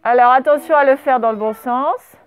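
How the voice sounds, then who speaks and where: A woman teaching a primary class, dictating words slowly and spelling them out letter by letter. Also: high voice. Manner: slow, over-articulated dictation of words.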